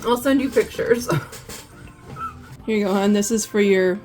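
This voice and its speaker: A woman's voice: mid-range voice, slow pace, darkish tone, soft background music. A woman hosting a casual cooking vlog, teasing and giggling a lot. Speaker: vlog host.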